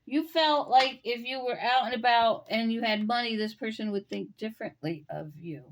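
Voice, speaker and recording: Musing higher-voiced woman tarot reader. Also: slight background noise. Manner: musing, speaks straight to the listener with many "um"s and pauses. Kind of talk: intuitive tarot reading.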